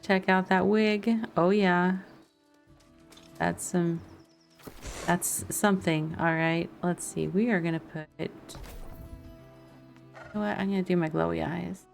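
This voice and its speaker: Faint music accompanies a woman livestreaming a game as she chats casually and reasons aloud. She has a lowish, gravelly voice with a steady tone, speaking slowly and pausing at length.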